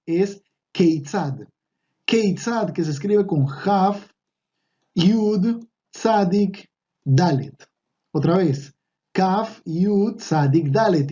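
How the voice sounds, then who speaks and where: Guy giving an online hebrew class, mellow dark voice, repeats stuff a lot, bit muffled audio. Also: on the high side. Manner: patient, repeats words, fillers and restarts. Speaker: Hebrew teacher. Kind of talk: online language lesson.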